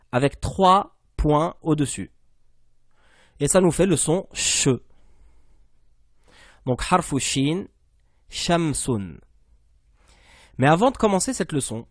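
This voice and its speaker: A man's voice: mid-range voice, no echo. Guy teaching arabic reading, patient, says everything twice, dry close sound. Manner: patient, repeats rules and words slowly. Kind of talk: online language lesson.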